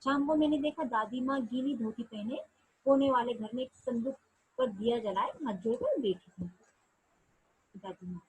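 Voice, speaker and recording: A woman's voice: on the high side, breathy edge, rough recording. A woman teacher reading a textbook story aloud and retelling each part in simpler words for her students. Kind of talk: reading and explaining a textbook chapter.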